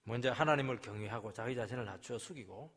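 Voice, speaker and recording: A male pastor preaching a sermon, dropping to quiet asides and then rising to loud, emphatic passages, and acting out the complaints and rebukes he quotes. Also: medium pitch, fast talker, husky. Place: church sanctuary. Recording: long reverb of a church hall.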